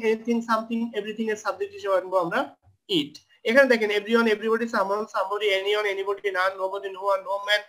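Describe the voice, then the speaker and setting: High-voiced guy teaching a live online class, goes step by step, spells words out, throws english terms in. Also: a bit bright. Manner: mixes English terms into Bangla.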